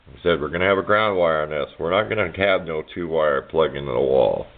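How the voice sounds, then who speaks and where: This hobbyist presenter, speaking in a bass voice at a quick pace, gives a loose, plainspoken tour of a DIY electronics build. It was recorded indoors at his home workbench on a handheld camera mic that sounds muffled and narrow, almost like a phone.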